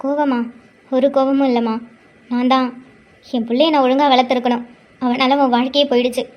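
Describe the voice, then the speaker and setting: A woman voicing an older grandmother and mother-in-law who speaks softly and sorrowfully, full of guilt. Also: high-pitched, flat delivery, brisk, highs cut off, natural voice. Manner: soft, pleading and sorrowful. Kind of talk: cartoon drama voice acting.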